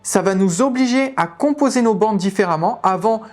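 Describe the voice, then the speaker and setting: A woman with a French accent hosting a tabletop game channel, chatting through new rules with lots of fillers and halting English readings. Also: medium pitch, animated, darkish tone, soft background music. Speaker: tabletop game video host. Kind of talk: casual rules explanation to viewers.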